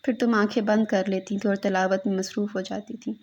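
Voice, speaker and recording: A woman's voice: medium pitch, flat delivery, a little mellow, muffled recording. A woman reading a literary story aloud as a mournful lament to a lost daughter.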